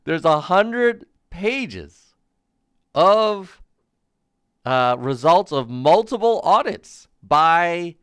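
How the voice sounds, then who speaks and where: Sarcastic man debunking, crisp and dry. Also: a little high, fairly bright tone, no room sound. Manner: emphatic, repeats key phrases. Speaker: political commentary streamer. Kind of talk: live-stream political commentary, reading documents aloud.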